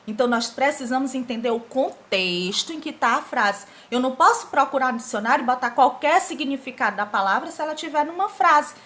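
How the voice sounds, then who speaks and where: A woman teacher giving an online lesson to schoolchildren, asking the pupils rhetorical questions as she explains. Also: high voice. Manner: animated, talks directly to pupils with rhetorical questions.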